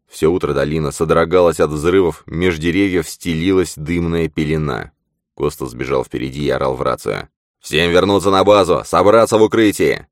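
A man narrating an adventure audiobook in a steady, measured storytelling manner. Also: extremely low pitch, dry recording, studio quality. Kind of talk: scripted narration.

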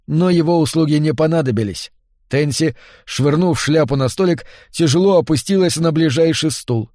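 A man narrating a novel as an audiobook, in a measured, even reading. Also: a little high, dry recording, studio quality. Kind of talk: scripted literary narration.

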